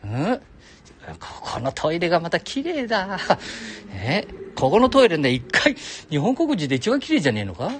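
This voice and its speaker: Gruff older man, heavy ramble. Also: on the high side, huge pitch swings, normal speed, slight background noise. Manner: gruff, jokey, talks to listeners as "お前". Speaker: solo audio show host. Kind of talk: rambling casual monologue. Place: outdoors beside a public toilet.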